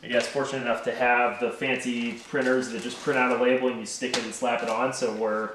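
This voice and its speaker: A small business owner demonstrates packing orders, speaking slowly and casually with a flat, medium-pitched, fairly bright voice and plenty of thanks along the way. The room echoes, he's somewhat distant from the microphone, and a little noise sits underneath.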